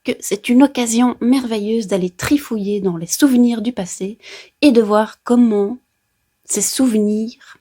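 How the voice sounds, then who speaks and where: A woman's voice: a little high, unhurried, dark tone. A woman with a Brussels Belgian accent chats casually and playfully to viewers, explaining astrology like a therapist, with colloquial asides. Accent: Brussels Belgian French. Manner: playful, chatty, with colloquial asides and sound effects.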